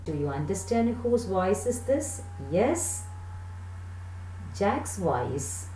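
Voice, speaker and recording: In a small, plain indoor room with roomy echo and faint background noise, a woman in her thirties gives children an English lesson. She reads text aloud, explains it and checks understanding with questions, all deliberately, in a medium-pitched, dark-toned and very animated voice.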